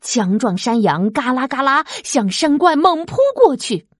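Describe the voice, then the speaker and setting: A woman reading a children's storybook aloud, expressive and lively. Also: high voice, slightly rough, no room sound, studio quality. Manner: slow, lively, expressive, sound effects.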